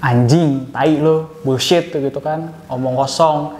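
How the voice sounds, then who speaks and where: A man's voice: on the high side, steady tone, unhurried, darkish tone, faint music behind. A man of twenty-two answers interview questions in a cocky, slangy way, mixing in English. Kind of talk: casual vlog interview answers. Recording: echoey room.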